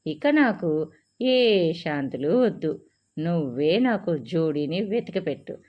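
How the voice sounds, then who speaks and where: A woman's voice: on the low side, expressive, slow. A woman voicing a shy, timid young man who talks in a nervous, pleading way, on a dull lo-fi recording. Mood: exasperated.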